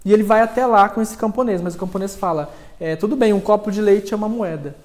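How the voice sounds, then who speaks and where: Guy lecturing and telling a story to his class, warm low-key tone, jumps up higher doing the characters' lines. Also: quick pace. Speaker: psychologist and lecturer. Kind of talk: retelling a story in a live class. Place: cold room in a lecture setting.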